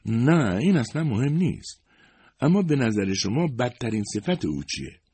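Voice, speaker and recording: A man's voice: medium pitch, big pitch swings, darkish tone, slightly rough, dry recording, voice pushed up. A man voicing a curious, earnest young woman who asks polite, probing questions.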